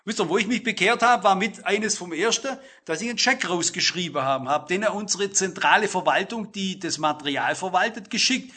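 High bright husky male preacher. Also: animated. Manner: addresses listeners directly, emphatic with slow stressed phrases. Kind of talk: sermon.

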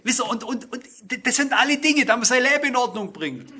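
A middle-aged man preaching a sermon, speaking straight to the congregation and slowing down to stress key phrases. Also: very high-pitched, animated, sharp tone, slightly rough. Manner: addresses listeners directly, emphatic with slow stressed phrases.

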